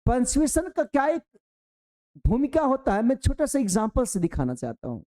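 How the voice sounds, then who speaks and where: A man teaching an online exam-prep grammar lesson. He speaks straight to his students, works slowly through an example and repeats key phrases for emphasis. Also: very high voice, wildly swooping pitch, mellow.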